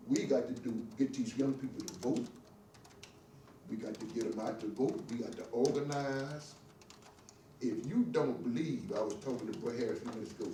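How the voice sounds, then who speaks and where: Fiery older man, echoey and distant. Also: mid-range voice. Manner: fiery, preaching, gets excited. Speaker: church class participant and veteran. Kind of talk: impassioned discussion. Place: church meeting room. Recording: echoey room from afar, faint hiss.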